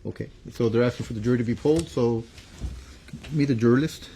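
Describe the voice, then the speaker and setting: A man serving as a judge in a courtroom recording, reading a verdict and running proceedings with halting speech full of fillers. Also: mid-range voice, warm tone, slight background noise. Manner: halting, many fillers and restarts. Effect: courtroom recording played back.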